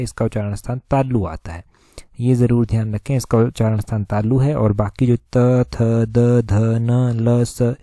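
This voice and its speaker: A man, teaching by working through an exam paper, reading each question slowly and repeating the answers. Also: medium pitch, mellow, dry recording, studio quality. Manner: explanatory, repeats answers, slows to read questions aloud. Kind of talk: solving an exam paper aloud.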